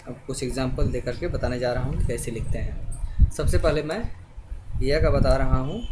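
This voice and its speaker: A man teaching a spelling lesson, spelling words out letter by letter and often pausing to check that the viewer is following. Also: mid-range voice. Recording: noisy background hiss.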